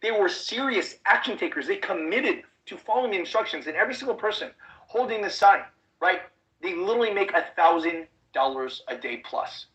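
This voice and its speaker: Pushy, bright-voiced man pitching a webinar. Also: lively intonation, brisk, low-quality recording. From United States, Chicago suburbs. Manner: pushy, repeats rhetorical check-in questions. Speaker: online business trainer.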